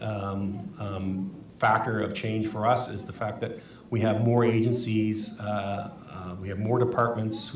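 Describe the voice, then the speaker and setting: In an echoey room, a low-pitched man answers as an emergency official at a briefing. He sounds set back from the microphone. His delivery is formal and measured, with a halting flow. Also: darkish tone, far from the mic. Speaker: government emergency management official.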